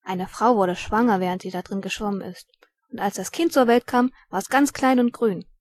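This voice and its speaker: A woman's voice: medium pitch, moderate pace, a little mellow, natural voice. A woman voicing a pale boy who insistently spreads gossip in a read-aloud story.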